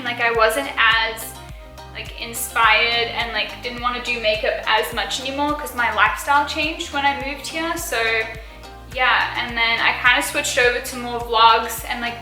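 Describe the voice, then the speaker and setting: A young South African woman, early twenties, with a mild Australian accent from a partly Australian upbringing, speaks in a bright, forceful voice on the high side. As a beauty and lifestyle YouTuber, she casually answers viewer questions, full of fillers and giggles. The sound is roomy.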